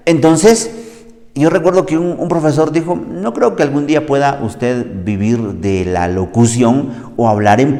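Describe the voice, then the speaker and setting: A man with a Guatemalan Spanish accent preaching a sermon as pastor, acting out little dialogues with lively jumps in his voice. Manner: animated, acts out dialogue with big pitch jumps. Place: church hall. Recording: long church-hall reverb.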